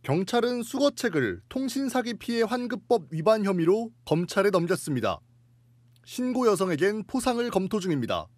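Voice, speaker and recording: Animated, high-voiced male news reporter. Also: moderate pace, no room sound. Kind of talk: scripted news narration.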